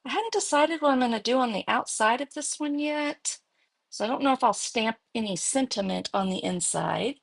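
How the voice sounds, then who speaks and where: A woman's voice: on the high side, moderate pace, gravelly, husky, dry recording. A woman with a Texas accent hosting a casual card-making demo, chatting and thinking aloud as she works. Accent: Texan. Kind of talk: casual live crafting demo.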